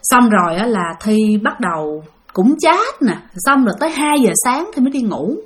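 A woman's voice: fairly high pitch, big pitch swings, normal speed. A woman casually telling a spooky first-person story, referring to herself in the third person and speaking directly to her listeners.

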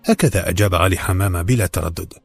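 A man narrating a novel as an audiobook, in expressive, dramatic storytelling. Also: low-pitched, quick pace, vocal fry, husky, dry recording, faint music behind.

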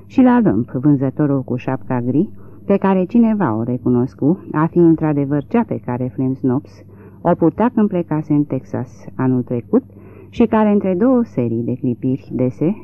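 Un bărbat care citește expresiv și măsurat o carte audio literară. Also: male voice, fairly high pitch. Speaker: audiobook reader. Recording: tinny lo-fi narrow-band recording.

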